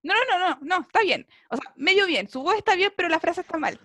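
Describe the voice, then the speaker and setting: A woman's voice: extremely high pitch, lively intonation, brisk, a bit bright, no echo, clean studio sound. A woman teaching a beginner English class over a video call, encouraging and often checking in with her students.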